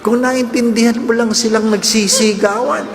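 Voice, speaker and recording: A priest giving a humorous homily, keeping the congregation involved with constant questions back to them. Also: male voice, extremely high pitch, moderate pace. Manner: animated, jokes, keeps asking the congregation "di ba?". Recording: echoey church hall with faint ambience.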